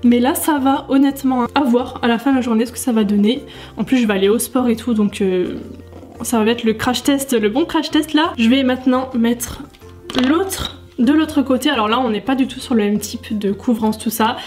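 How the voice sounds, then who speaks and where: Beauty vlogger, woman; slightly high, chatty and casual, faint music underneath. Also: normal speed, darkish tone. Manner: chatty, many fillers, addresses viewers directly. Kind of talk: casual makeup tutorial chat.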